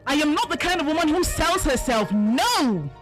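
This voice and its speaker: A woman's voice: high-pitched, lively intonation, moderate pace, faint music behind. A woman dubbing a telenovela, playing a proud, furious middle-aged mother who makes theatrical threats. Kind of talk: dubbed telenovela acting.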